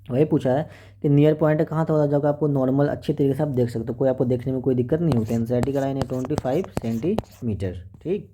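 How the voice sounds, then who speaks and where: A man's voice: medium pitch, fast, mellow, slight background noise. A man teaching an exam-prep lesson, working through questions in a chatty, coaxing way and often checking with the class.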